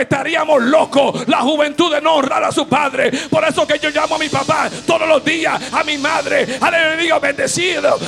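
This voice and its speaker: A young male pastor with a very high, gravelly voice preaches with fervor, alternating loud shouted praise and quiet storytelling. His tone is bright and sharp. Soft music plays behind him. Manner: shouting with fervor, repeated hallelujahs, swings to hushed storytelling. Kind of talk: sermon.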